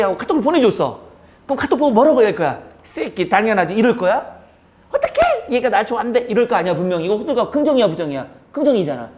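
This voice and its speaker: A male teacher lectures a live classroom, teasing and scolding his students between explanations and firing quick questions at them. Now and then he slips into a squeaky voice to act out their reactions. His tone is darkish.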